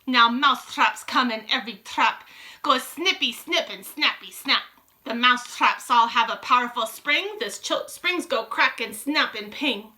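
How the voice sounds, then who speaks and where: A wicked old storybook witch acted out by a woman shouts in a high, piercingly sharp voice. She is imperious and gloating, turning broken-grammar commands into a triumphant sing-song chant. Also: a little slow. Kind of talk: dramatic storybook read-aloud.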